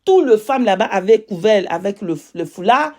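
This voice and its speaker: A woman with a medium-pitched voice delivers a religious testimony in French with a foreign accent, as a non-native speaker. She preaches emphatically, repeating key phrases for weight. Now and then she pauses to search for the right word. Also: animated, darkish tone. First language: not French. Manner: emphatic, repetitive, pausing to search for words. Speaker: religious witness giving testimony.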